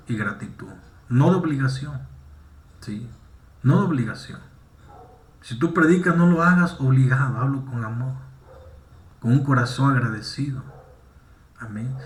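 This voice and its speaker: A male pastor delivering a sermon at a mid-range pitch, checking in with his listeners with short questions and affirmations between points. The voice rings out in an echoey room. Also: a bit bright. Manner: preaching with frequent "amén" and "¿sí?" to the congregation.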